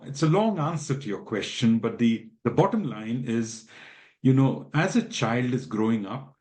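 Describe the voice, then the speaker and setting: A man from India, an expert guest answering interview questions in a measured, explanatory way with frequent fillers. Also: mid-range voice, darkish tone.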